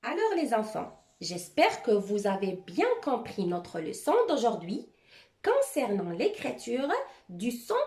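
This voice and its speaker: A high, sing-song woman's voice guides young children through a handwriting lesson one step at a time. She speaks slowly and keeps checking that they follow. The sound bounces around an echoey room. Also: a little mellow. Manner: slow, step-by-step instructions with frequent check-ins. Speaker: primary school teacher.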